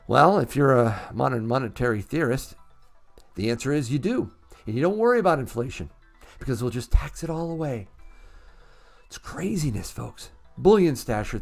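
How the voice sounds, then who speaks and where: A man hosting a call-in livestream, ranting excitedly and laughing at himself. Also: medium pitch, normal speed, creaky, faint music behind. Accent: New England. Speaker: livestream host. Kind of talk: casual call-in livestream talk.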